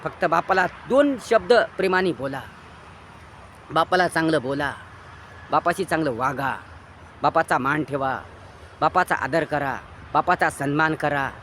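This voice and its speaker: Marathi guy preaching hard, high bright voice, faint hiss behind. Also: measured pace, pauses often. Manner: preachy, repetitive, swings between loud emphatic bursts and low quiet lines. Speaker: motivational speaker. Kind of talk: impassioned moral lecture.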